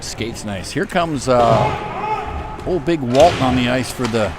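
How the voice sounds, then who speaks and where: A man giving casual, joking play-by-play commentary on a hockey game, quick to follow the action. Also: mid-range voice, huge pitch swings, very noisy.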